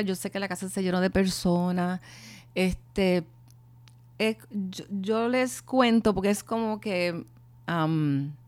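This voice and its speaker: A woman's voice: mid-range voice, no room sound. Earnest middle-aged woman, dry close sound. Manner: earnest, heartfelt, many pauses and restarts. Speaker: bereaved mother sharing her testimony. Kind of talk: personal testimony and talk on grief.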